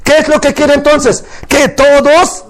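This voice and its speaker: A man preaching a sermon, asking his congregation questions and answering them himself, stretching out Hebrew phrases slowly for emphasis. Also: very high voice, completely flat delivery.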